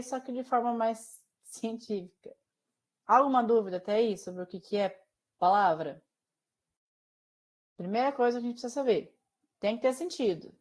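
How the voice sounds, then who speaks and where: A woman's voice: on the high side, darkish tone. Brazilian woman teaching an online class. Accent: Brazilian Portuguese. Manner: explanatory, asks students questions often.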